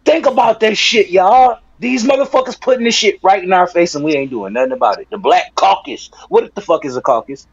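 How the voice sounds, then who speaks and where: A man's voice: sits high, animated, brisk, hardly any pauses, breathy edge, dry recording. A man on a livestream panel, talking in a preachy, repetitive way with plenty of swearing. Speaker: panel guest. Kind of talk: casual debate talk. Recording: dull lo-fi call audio.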